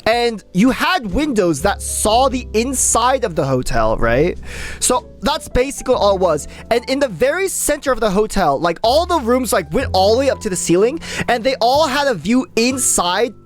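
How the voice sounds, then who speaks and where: Streamer, casual live-stream chat, rambling, excitable, lively pitch, mid voice. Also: moderate pace, soft background music. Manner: rambling and excitable, full of "like" fillers and swearing.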